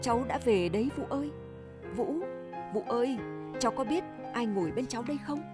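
A woman's voice: a little high, animated, brisk, over music, lightly acted. A woman reading a novel aloud, voicing a kindly older village woman who chokes and weeps as she talks. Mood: tearful. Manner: tearful, choked, calling out.

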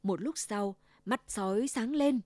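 A woman's voice: a little high, unhurried, darkish tone, no echo. Woman telling a fairy tale. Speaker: storyteller. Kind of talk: scripted fairy tale narration.

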